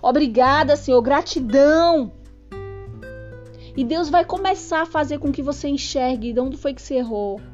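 Earnest high-voiced woman preaching. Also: animated, brisk, few pauses, a little mellow. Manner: earnest, preachy, speaks straight to the listener. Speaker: podcast host. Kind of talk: spiritual self-help talk. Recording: dull lo-fi sound with faint music.

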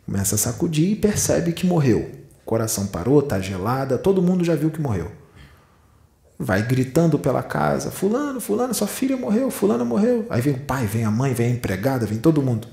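Spiritual teacher, Brazilian-accented man, mid-pitched, dramatic and direct storytelling, roomy echo. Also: mellow. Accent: Brazilian Portuguese.

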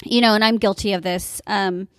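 A middle-aged woman with vocal fry, co-hosting a casual podcast chat as a mother of a young performer. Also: medium pitch, steady tone, normal speed, a bit bright, dry recording, studio quality.

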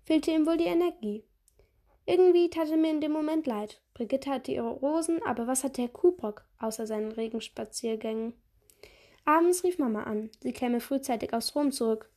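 A woman's voice: sits high, normal speed, mellow. A woman reading a children's novel aloud steadily, with small slips and restarts. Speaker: podcast reader.

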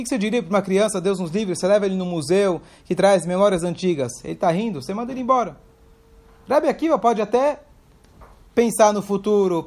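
A man's voice: high voice, a little mellow. A man teaching a Torah class, explaining step by step and asking questions aloud to his listeners. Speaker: religious teacher.

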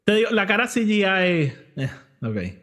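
A man's voice: high-pitched, big pitch swings, unhurried, fairly bright tone. A man hosting a casual movie chat, switching between Spanish and English mid-sentence. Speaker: podcast host.

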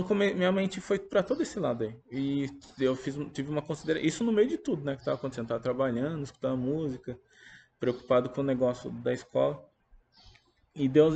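A Brazilian Portuguese-speaking man giving a halting, earnest and reflective spoken testimony about a personal religious experience. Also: medium pitch, warm tone, slight background noise. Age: adult parent.

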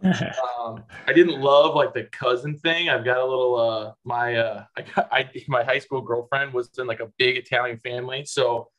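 A man from the Chicago suburbs chats casually on a podcast. His voice sits at an ordinary middle pitch. He rambles, restarts and leans on filler words as he talks. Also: steady tone, moderate pace, hardly any pauses, fairly bright tone, muffled recording. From Chicago suburbs, USA. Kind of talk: casual chat.

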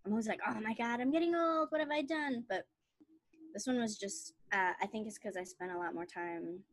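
A woman's voice: on the high side, a little fast, no room sound. Giggly woman in her thirties. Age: 30s. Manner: giggly, bubbly storyteller who laughs often. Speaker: podcast co-host. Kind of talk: casual chat.

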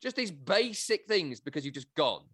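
Football pundit with a lively, slightly high voice, dry close mic. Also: male voice, moderate pace, breathy edge, no echo. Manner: animated, joking, scathing. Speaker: football podcast host. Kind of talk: casual football chat.

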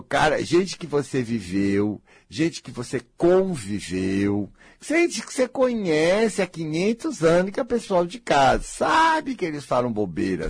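A man speaks in a husky, slightly breathy voice that rises and falls a lot as he teases his listeners. He keeps asking rhetorical questions and mocks everyday complaints. The sound is dry and close. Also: mid-range voice, dry recording. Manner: animated, teasing, mocking others' complaints. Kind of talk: motivational monologue.

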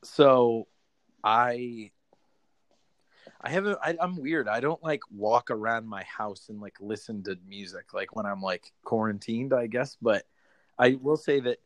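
A young man talks in a loose, rambling way, laughing often and swearing freely. His voice sits at a middling pitch. The sound is close and dry, with no room echo. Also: measured pace. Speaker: musician guest. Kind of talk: casual podcast chat. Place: home bedroom in quarantine.

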